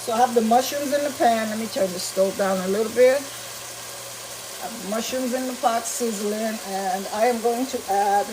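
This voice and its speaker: Clear sizzling and frying sounds fill the background as a vegan cooking host casually demonstrates a recipe at home, talking through every step. She's chatty, her voice on the high side and slightly raspy from so much talking, at a moderate pace.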